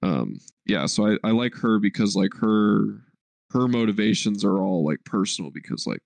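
A young man with a low, gravelly voice chatting casually on a podcast, close to a dry mic. He is laid-back, drops curse words freely and strings his thoughts together with fillers. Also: animated, normal speed, darkish tone, no room sound. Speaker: podcast co-host. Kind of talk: casual chat.

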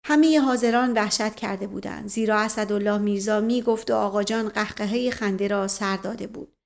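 A woman narrating a novel as an audiobook reader in measured storytelling. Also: medium pitch, creaky. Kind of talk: scripted narration.

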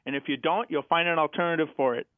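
Through a thin, phone-like radio sound comes an American man with a fairly high voice. He explains things in plain words as an interview guest, using examples and rhetorical questions. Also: steady tone, quick pace, no room sound. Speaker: financial advisor, show guest.

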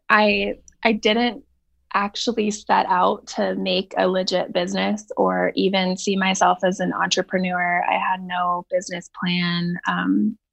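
A woman guest talks slowly, with a heavy vocal fry. She hesitates and restarts often. The audio is dull and lo-fi, recorded dry. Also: mid-range voice, dry recording. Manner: slow, hesitant, halting. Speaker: podcast guest. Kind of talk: casual interview chat.

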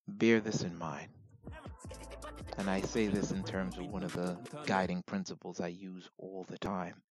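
A host offers informal solo commentary in a low, raspy, gravelly voice, speaking in a measured, reflective manner with deliberate pauses. The recording is dry.

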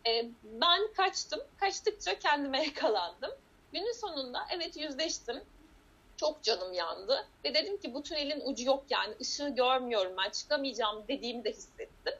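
Woman guest, high husky voice, earnest and reflective, dull lo-fi recording. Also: animated, normal speed, fairly bright tone. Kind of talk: casual conversation. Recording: dull lo-fi sound.

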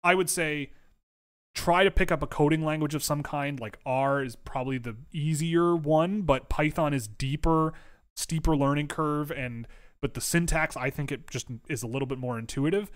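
A man's voice: a little high, moderate pace. A man answering viewer questions about hockey prospects in a casual livestream, rambling with lots of fillers and restarts, his voice wearing out. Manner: rambling, self-interrupting, filler-heavy. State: losing his voice.

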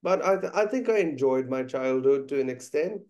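Speaking thoughtfully on a podcast interview, this Bengali-speaking musician and teacher from India has a medium-pitched, expressive voice with a darkish tone. He's measured, frequently filling pauses with "uh."

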